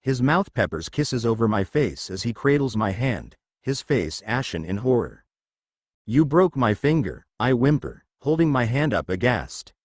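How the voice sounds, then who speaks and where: A man narrating a first-person fan fiction story in an expressive storytelling manner. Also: mid-range voice, normal speed, few pauses, no room sound, clean studio sound.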